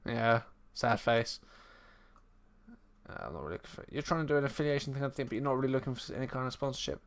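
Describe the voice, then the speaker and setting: A young man hosting a live stream, chatting casually, laughing often, with sudden loud bursts. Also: medium pitch, fast. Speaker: stream host.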